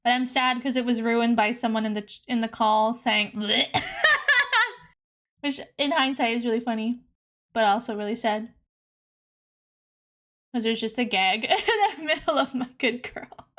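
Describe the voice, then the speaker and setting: A woman streamer chatting casually in a playful, cutesy anime-streamer manner, expressive and exclamatory. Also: fairly high pitch, normal speed. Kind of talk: casual livestream chat while gaming.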